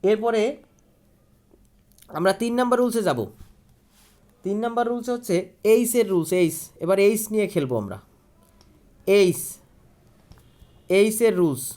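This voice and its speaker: A man's voice: sits high, expressive, normal speed, pauses often, warm tone. Male tutor. He drills grammar rules by quizzing himself aloud. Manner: asks questions and answers them himself, repeating key words. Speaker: English grammar teacher. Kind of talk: online grammar lesson.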